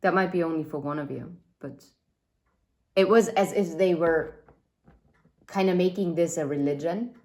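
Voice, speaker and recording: A woman's voice: lowish voice, normal speed, pauses often, darkish tone. A woman giving a casual tarot reading indoors by a window, chatty and rambling, with fillers and asides. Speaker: tarot reader.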